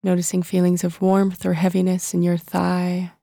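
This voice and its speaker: Female meditation narrator: soft, relaxed and soothing, slow phrasing with long pauses, very dry close sound. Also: fairly low pitch, gravelly, no room sound. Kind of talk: guided body-scan meditation narration.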